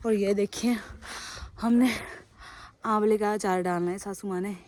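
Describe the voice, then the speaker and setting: Hoarse young woman vlogging outdoors. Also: mid-range voice, steady tone, a little slow, a little mellow, no echo. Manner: chatty, addresses viewers as guys. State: hoarse, sore throat; short of breath after stairs. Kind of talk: casual vlog chat. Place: outdoors on a rooftop, windy. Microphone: phone held by hand.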